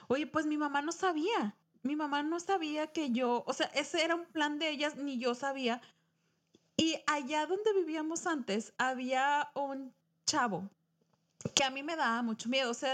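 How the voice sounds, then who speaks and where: High-voiced Mexican woman telling a story. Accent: Mexican Spanish. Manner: animated, acts out quoted voices. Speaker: podcast co-host. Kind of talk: casual storytelling chat.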